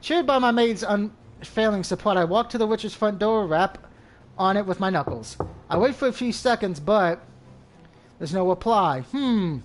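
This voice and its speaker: High-voiced man reading a game aloud. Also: moderate pace. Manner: crude outbursts between lines. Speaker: gamer reading a visual novel.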